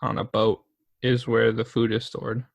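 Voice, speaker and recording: A man from Canada in easygoing podcast conversation with a friend. He talks at a mid pitch and tosses in dry jokes. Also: monotone, a little slow, creaky, muffled recording. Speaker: podcast co-host. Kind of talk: casual podcast chat.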